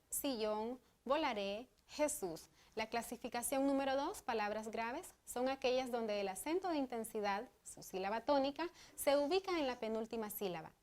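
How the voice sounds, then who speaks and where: A Honduran woman presents an educational TV lesson with a fairly high voice. She explains and reads out examples in a clear, deliberate, teacherly way, close to a studio mic. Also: darkish tone. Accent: Honduran Spanish. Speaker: teacher co-host.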